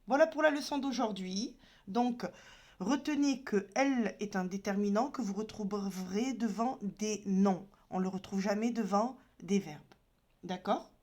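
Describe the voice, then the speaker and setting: A woman teaches a beginners' class at a deliberate, slow pace, pausing over each letter and vowel mark. Her voice sits at a middle pitch. She sounds patient, guiding learners step by step. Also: a little mellow. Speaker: Arabic teacher.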